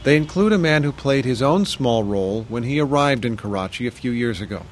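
A man with an American accent narrating a scripted news documentary in short, deliberate sentences. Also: medium pitch, lively intonation, a little hiss or hum. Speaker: radio reporter and narrator.

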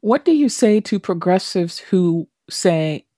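A woman's voice: on the low side, animated, takes it slowly, warm tone, no echo. A woman hosting a radio interview, explaining and asking questions in a broadcast style on a close studio mic.

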